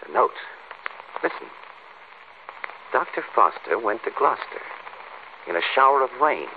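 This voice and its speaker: A crazed rhyming killer doctor, old radio show. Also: male voice, very animated, unhurried. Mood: worried. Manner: sing-song, gloating, turns shrill and frantic. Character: deranged male doctor, secret rhyming killer. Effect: old radio show broadcast. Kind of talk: 1940s radio acting. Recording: tinny scratchy 1940s radio broadcast, faint hiss.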